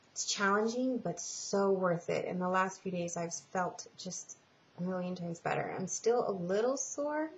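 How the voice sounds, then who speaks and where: Casting: female vlogger, lowish gravelly voice, halting and rambling, casual update delivery. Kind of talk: casual personal update vlog. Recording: muffled, lo-fi home recording with hiss.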